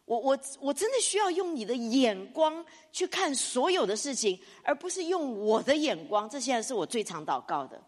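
A woman pastor preaching a sermon, swinging between hushed low reflection and high, loud emphatic bursts. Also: big pitch swings, normal speed, hardly any pauses. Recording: long hall reverb.

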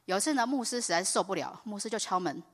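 A woman preaching and telling her own story in an excitable way, often rising to loud, high exclamations. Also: rapid-fire. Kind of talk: animated sermon testimony. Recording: reverberant hall.

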